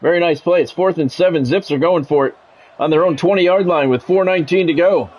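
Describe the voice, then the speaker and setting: On a video game stream, a man with a high-leaning voice delivers brisk football play-by-play. He's conversational and blunt, throwing in casual reactions, and the recording sounds lo-fi.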